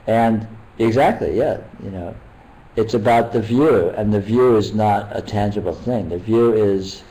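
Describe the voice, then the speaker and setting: An older man, a meditation teacher, talking casually at a retreat in a halting, rambling way with many restarts. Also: lowish voice, warm tone, rough recording.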